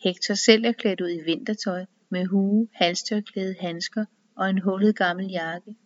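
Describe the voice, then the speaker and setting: A woman narrating a story in an even, measured reading voice. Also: mid-range voice. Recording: dull, dry lo-fi recording.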